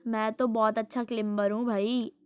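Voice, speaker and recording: A woman's voice: fairly high pitch, flat delivery, moderate pace, clear, resonant tone, dry recording, studio quality. A woman reading a picture book aloud in a casual, chatty way, stopping to explain words at length and laughing along with the story.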